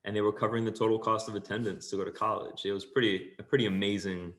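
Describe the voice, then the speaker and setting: A man's voice: lowish voice, little pitch movement, fast, a bit bright. A man hosting an interview, introducing his guest and asking questions in an upbeat, friendly way. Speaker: host.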